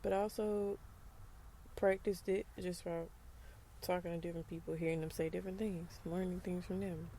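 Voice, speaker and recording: Southern US woman, casual vlog monologue, mellow warm tone, frank and emphatic with conversational asides. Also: on the low side, steady tone, normal speed, slight background noise. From United States. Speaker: vlogger.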